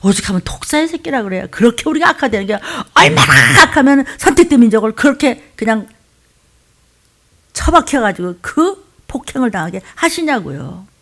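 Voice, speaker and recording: Fervent woman pastor, lively high voice. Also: normal speed. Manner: fervent, swings between loud cries and hushed asides. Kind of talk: impassioned Friday night sermon. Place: church.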